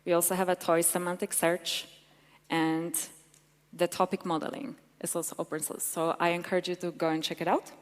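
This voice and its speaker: A Polish-speaking woman gives a tech conference talk and Q&A in a large, reverberant hall. Her lowish voice has a flat delivery and moves a little fast. She presents eagerly and chattily, using fillers.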